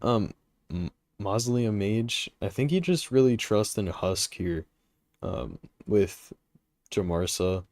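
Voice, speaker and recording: A sleepy young man streams a game from home, thinking aloud in a slow, unhurried drawl full of ums and uhs. His voice sits fairly low and comes across dry and close, with no room sound around it. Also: expressive, darkish tone, no echo. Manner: hesitant, thinking aloud with many fillers, reads chat questions. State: sleepy, yawning. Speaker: gaming livestream host. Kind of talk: casual live commentary while playing.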